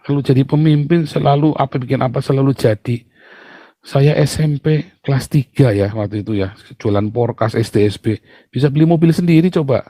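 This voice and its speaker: A man's voice: medium pitch, mellow, no echo, clean studio sound. A middle-aged man preaching a sermon, telling family stories with sudden exclamations and laughs. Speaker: pastor.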